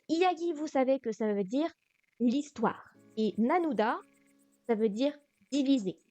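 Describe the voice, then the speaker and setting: Woman teacher chatting thru a lesson, bit high voice, dull lo-fi sound w faint music. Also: warm tone, no room sound. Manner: chatty, thinks aloud with many fillers. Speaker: Korean language teacher. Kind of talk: livestream language lesson.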